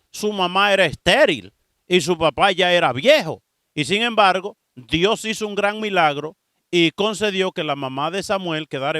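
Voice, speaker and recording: In a high, clean voice recorded at studio quality with no echo, a priest preaches a sermon full of Bible stories. He tells them with lively energy, acts out the dialogue and speaks straight to his listeners.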